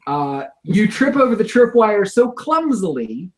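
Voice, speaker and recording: A man runs a tabletop game as game master, talking over a home video call. His voice sits a bit high and swoops about with plenty of life. He narrates monsters with wry humor between quick rules calls. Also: big pitch swings, low-quality recording. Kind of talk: running a tabletop game online. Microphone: home computer mic on an online video call.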